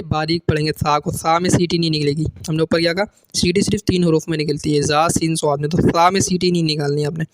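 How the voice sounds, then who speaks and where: A man with a high, smooth and resonant voice leads a step-by-step recitation lesson, patiently repeating letters and drawing each one out. He asks his students questions and then answers them himself. The sound is dry and close to the mic. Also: no room sound. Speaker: Quran reading teacher.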